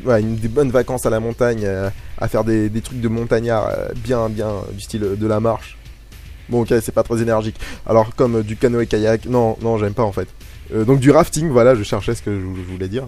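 A man hosts a live web radio show into a studio microphone, his voice mellow and dark. He rambles and pokes fun at himself, full of hesitations. A faint music bed plays under his talk. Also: lowish voice, fairly even intonation, moderate pace. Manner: rambling, self-mocking, lots of hesitations. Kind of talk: casual live radio chat.

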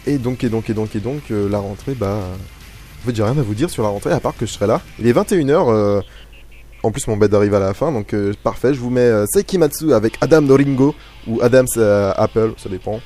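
A man's voice: mid-range voice, a little fast, warm tone. A man hosting a casual live web radio show, rambling and self-mocking with lots of hesitations, talking over a music bed. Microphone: studio microphone. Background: faint music bed.

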